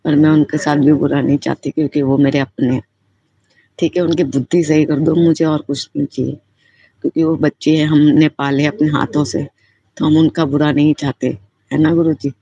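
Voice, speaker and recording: A woman's voice: deep voice, little pitch movement, moderate pace, mellow, breathy edge, no echo. A woman giving a personal devotional testimony, speaking in a heartfelt, repetitive and fervently grateful way. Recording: slightly muffled lo-fi recording.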